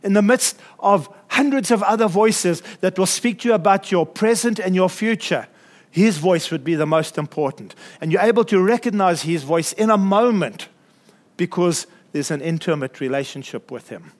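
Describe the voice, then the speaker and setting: A man's voice: high voice, normal speed. A man preaching a sermon to his congregation in a church, earnest, with chuckles and asides. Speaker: pastor.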